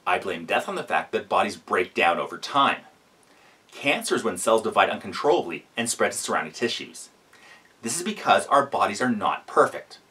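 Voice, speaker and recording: A man's voice: on the low side, pushed and bright, far from the mic. A man hosting a reaction video, giving sarcastic, explanatory commentary.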